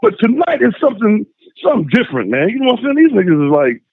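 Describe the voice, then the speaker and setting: A man phones in to tell a long story in loose, casual talk, slipping into the voices of the people he describes. His voice sits high and carries a gravelly rasp. It comes through a thin, dry phone line. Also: rapid-fire, no echo. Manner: animated, acts out voices in his stories. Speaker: phone-in guest.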